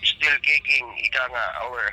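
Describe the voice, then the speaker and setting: A man speaking over a two-way radio, answering a radio check with polite, brisk radio procedure and signing off each turn. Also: mid-range voice, fairly even intonation, background noise. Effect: voice heard through a two-way push-to-talk radio. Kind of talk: radio procedure talk, ending turns with "over".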